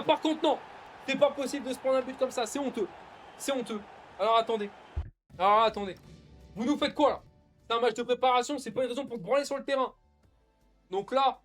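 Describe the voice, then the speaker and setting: A young man streaming a football manager game, talking excitably in slang and constantly addressing his chat. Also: high-pitched. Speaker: gaming streamer. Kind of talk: live gameplay commentary.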